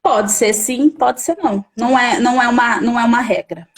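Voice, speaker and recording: High-voiced emphatic woman teacher. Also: brisk. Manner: emphatic, acts out firm commands. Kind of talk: explaining in an interview.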